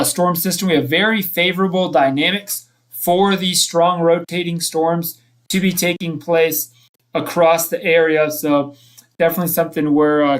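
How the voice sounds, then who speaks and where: Male live weather host, voice a little high, unscripted severe weather commentary, somewhat halting and self-correcting as he analyses.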